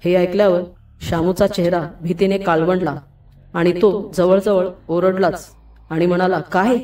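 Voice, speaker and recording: A woman's voice: on the low side, flat delivery, a little slow, warm tone. A woman telling a horror story as scripted narration, reading the characters' lines in her own voice. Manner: reads all characters' dialogue in the same narrating voice. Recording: echoey, distant from the mic.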